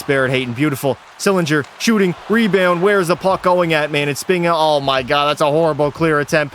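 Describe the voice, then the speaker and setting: A young man calls the action of a video game like a sportscaster, then swings into frustrated, swearing outbursts. His voice sits a little high for a man, and faint ambient noise hums underneath. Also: a bit bright. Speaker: gaming channel host. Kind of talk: gaming commentary with play-by-play.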